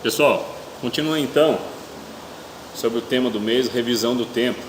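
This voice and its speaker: In a church hall with noisy ambience, a middle-aged Brazilian man preaches a sermon haltingly, slightly hampered by a toothache and often asking rhetorical questions. His voice sits at medium pitch, and the hall sounds echoey and reverberant with a clear room hum.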